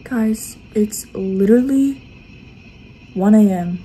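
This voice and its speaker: A woman's voice: medium pitch, takes it slowly, mellow, a little hiss or hum, poor audio. A tired young woman vlogging casually at home late at night, exasperated and dramatic, peppering her talk with "like". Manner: exasperated, dramatic, heavy use of "like". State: exhausted, tired. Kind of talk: casual day-in-my-life vlog.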